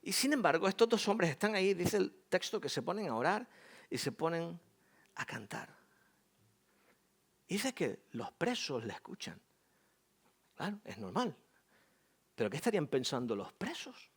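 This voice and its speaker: A middle-aged pastor with a Spanish accent from Spain delivers a sermon in a loose, joking, conversational way. His fairly high voice swoops up and down with lively pitch. He keeps the tone animated throughout.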